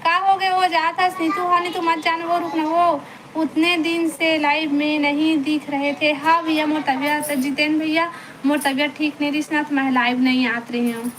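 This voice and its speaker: On a noisy phone live stream, a woman with a Chhattisgarhi accent chats casually, reading viewer comments, greeting people by name and coaxing them to stay. Her voice sits high and is fairly bright, with a level tone and moderate pace.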